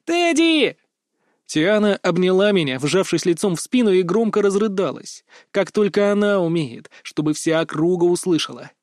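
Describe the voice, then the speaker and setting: A man reads a first-person audiobook in a measured storytelling voice. His pitch is fairly high for a man. The studio sound is dry and close, with no room around it. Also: darkish tone, no echo. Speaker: audiobook narrator. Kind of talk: scripted first-person narration.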